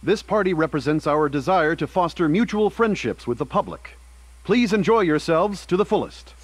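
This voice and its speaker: A man's voice: fairly high pitch, expressive, moderate pace, dry recording. An actor playing a formal corporate spokesman in a video game, announcing in a stiff, ceremonial way.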